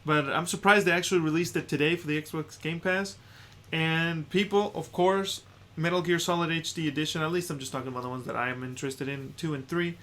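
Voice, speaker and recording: A man's voice: fairly high pitch, steady tone, fairly quick, a bit bright. A man co-hosting a podcast in a laid-back, chatty way, laughing often. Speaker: podcast co-host. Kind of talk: casual chat. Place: home room.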